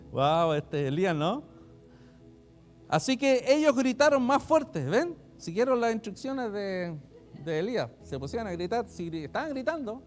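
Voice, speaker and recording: A man's voice: high voice, unhurried, pauses often, soft background music. A man preaching an online sermon, reading scripture aloud and explaining it in chatty asides. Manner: animated, loudly quoting then chatty asides. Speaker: pastor. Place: church online service.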